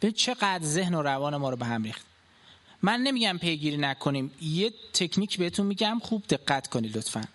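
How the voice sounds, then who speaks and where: A man giving a public talk of practical advice, talking in an animated way, asking rhetorical questions and jumping from emphatic high bursts to soft low endings. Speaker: speaker giving life advice.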